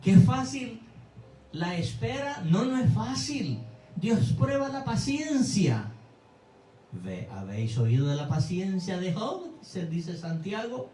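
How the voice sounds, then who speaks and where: A man preaching a sermon as pastor, emphatic and fervent, with sudden swings in pitch. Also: mellow, echoey room, recorded from a distance, a little hiss or hum, rough recording. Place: church sanctuary.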